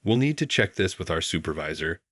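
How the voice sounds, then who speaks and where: A man's voice: deep voice, big pitch swings, fairly quick, fairly bright tone, no echo, clean studio sound, exaggerated voice. A male narrator reading the lines of a curt, officious male security guard.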